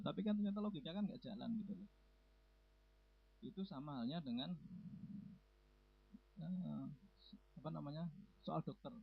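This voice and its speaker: Gravelly man telling jokes, tinny sound. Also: mid-range voice, no echo. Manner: rambling, self-correcting storyteller. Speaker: stand-up comedian. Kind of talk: stand-up joke telling. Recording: dry, tinny phone-like sound.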